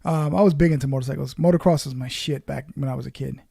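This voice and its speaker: A man's voice: mid-range voice, steady tone, fast talker, gravelly, warm tone, husky, no room sound, clean studio sound. A man from Puerto Rico, born in New York, hosting a casual guitar livestream, greeting viewers by name in a loose, chatty way and swearing now and then. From born in New York, raised in Puerto Rico. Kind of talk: casual livestream chat reading comments.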